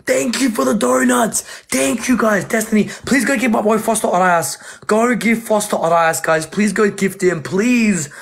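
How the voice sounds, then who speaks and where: A man in his twenties loudly hyping a livestream battle, repeating his shout-outs, recorded on a phone's front camera. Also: sits high, normal speed, creaky, few pauses, slight background noise. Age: 20s. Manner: loud, pushy, repetitive hype. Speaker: livestream guest.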